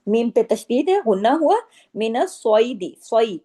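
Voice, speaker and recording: A woman gives a tajweed lesson, patiently explaining each rule. Her voice is fairly high and mellow. She speaks very slowly and repeats words one by one. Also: animated. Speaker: Quran recitation teacher. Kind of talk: slow tajweed lesson with recited phrases.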